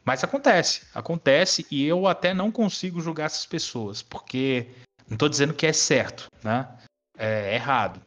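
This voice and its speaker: A twenty-nine-year-old Brazilian history teacher, appearing as a podcast guest, chats casually and explains things informally with slang and some swearing. His voice is on the high side and a bit bright, at normal speed, with faint music behind.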